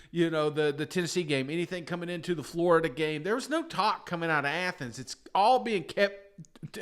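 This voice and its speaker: A man's voice: high-pitched, fairly bright tone, clean tone. A man giving casual, emphatic sports commentary as an enthusiastic co-host who repeats himself for effect.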